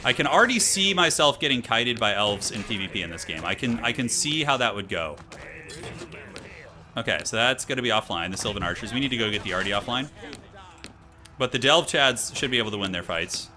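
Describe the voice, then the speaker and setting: A streamer plays a strategy game over game music, thinking aloud in casual, slangy live commentary. His voice is medium-pitched with lively intonation, and he talks fairly quickly.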